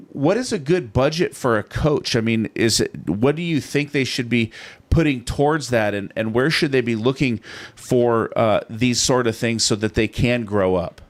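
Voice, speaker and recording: A man hosting a podcast interview, asking long, meandering questions with many fillers. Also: mid-range voice. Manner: rambling questions full of fillers. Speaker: podcast host.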